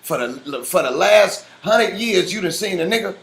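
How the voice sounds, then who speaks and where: Heated male guest, bright tense tone, profane and insistent. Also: high-pitched, expressive, normal speed, gravelly. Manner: profane, insistent, talks over the host. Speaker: interview guest. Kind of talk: heated argument. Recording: roomy studio echo.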